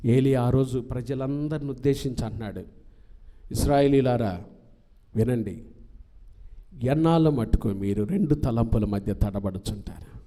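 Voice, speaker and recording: A man preaching a sermon to young people, switching between quiet asides and loud, urgent exhortation, with quick acted quotes. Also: medium pitch. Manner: acts out parents and youths in quick quotes. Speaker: pastor.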